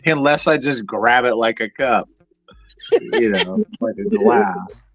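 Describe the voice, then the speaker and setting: A man from the San Diego area hosting a casual chat, telling stories in a relaxed, rambling way. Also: mid-range voice, slow pace, dry recording, highs cut off. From San Diego area, United States. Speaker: host.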